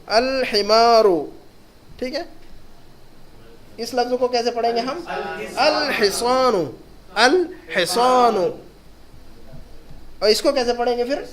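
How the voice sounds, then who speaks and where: A man teaching a classroom lesson, reading each word slowly and drawn out, then explaining quickly and asking checking questions. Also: very high voice, fairly bright tone. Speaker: Arabic teacher.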